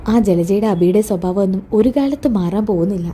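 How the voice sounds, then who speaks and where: A woman's voice: medium pitch, a little fast, dark tone, a little hiss or hum, natural voice. A woman voicing a worried, caring older grandmother. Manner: worried, plain-spoken.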